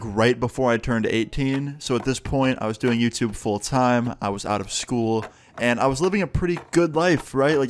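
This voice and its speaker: A man's voice: mid-range voice, slight background noise. Young guy telling a storytime, chatty, swears a lot, does both sides of the convo. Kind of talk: casual storytime narration.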